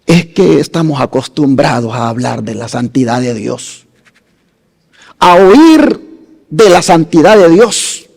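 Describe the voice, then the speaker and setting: A man preaching a sermon as pastor, slow and dramatic, rising to loud emphasis and dropping to hushed phrases. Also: medium pitch, gravelly, slightly rough, long reverb tail.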